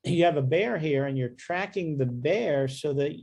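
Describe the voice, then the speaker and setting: A man's voice: on the high side, expressive, moderate pace, a little mellow. A man, a radiologist, giving a medical lecture in a joking, conversational way, often checking in with "okay?". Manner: jokey, conversational, frequent "okay?" check-ins.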